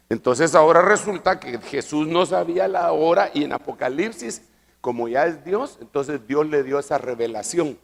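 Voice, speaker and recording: A man preaching a sermon at a church convention, arguing with rhetorical questions and repetition, and building up to drawn-out shouts. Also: mid-range voice, gravelly. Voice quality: rises to loud, drawn-out shouting for emphasis. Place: large church convention hall. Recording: long reverb of a large hall.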